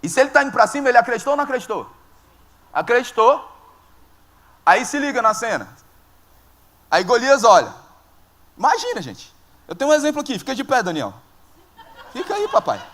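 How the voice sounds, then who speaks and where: A male pastor with a Brazilian accent, preaching a sermon in an animated, joking storytelling manner. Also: very high-pitched, a little fast, long pauses. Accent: Brazilian Portuguese.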